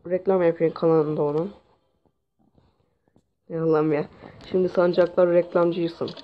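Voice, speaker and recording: A man with a sore throat giving excitable gameplay commentary, swearing at the game as he plays. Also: a little high, normal speed. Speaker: gaming channel host. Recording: dull lo-fi mic with faint hiss.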